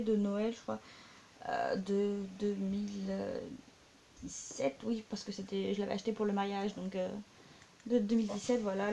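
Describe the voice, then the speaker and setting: Chatty woman vlogger with a gravelly voice. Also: mid-range voice, background noise. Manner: chatty, many fillers and asides. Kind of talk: casual show-and-tell vlog.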